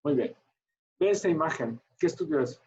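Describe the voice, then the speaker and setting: A man teaching a medical class, chatty and animated, quizzing his students as he goes. His voice sits a little high, and the audio is muffled and lo-fi. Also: moderate pace, slight background noise. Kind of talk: online class storytelling.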